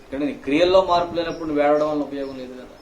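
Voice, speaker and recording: Fast, scolding male preacher in an echoey hall. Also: steady tone, far from the mic, lo-fi sound. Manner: scolding, firing rhetorical questions at listeners; swings between loud outbursts and hushed low phrases. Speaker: pastor. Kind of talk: sermon. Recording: echoey hall, faint room noise.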